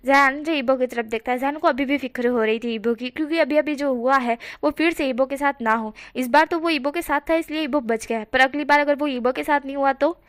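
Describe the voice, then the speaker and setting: High-voiced woman reading a fanfiction. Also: brisk, few pauses, no echo, clean studio sound. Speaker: fanfiction narrator. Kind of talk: storybook reading.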